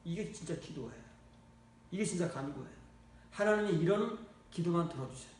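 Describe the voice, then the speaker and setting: High-voiced preacher in a booming hall. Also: male voice, a little fast. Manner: lively, shifts from low muttering to loud exclaiming; blunt and scolding. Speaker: pastor. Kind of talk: sermon. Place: church. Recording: echoey church hall, mic far off.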